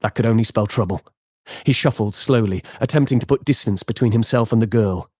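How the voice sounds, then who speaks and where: Low-voiced man narrating dry and close. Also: a little mellow, no room sound. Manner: measured, dramatic storytelling. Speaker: game master narrating. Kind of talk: scripted narration of a game epilogue.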